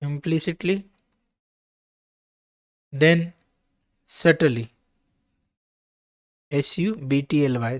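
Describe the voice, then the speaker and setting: Male English teacher, unhurried, spells words aloud for exam prep, close dry sound. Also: a little high, no echo. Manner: spells words letter by letter, checks in with listeners. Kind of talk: vocabulary lesson for exam students.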